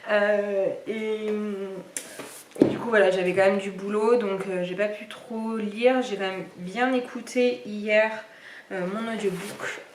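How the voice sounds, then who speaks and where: Rambling casually through her book collection, this young book vlogger fills her talk with fillers. She speaks slowly in a medium pitch with fairly even intonation. She's somewhat far from the mic in an echoey room, and there's background noise.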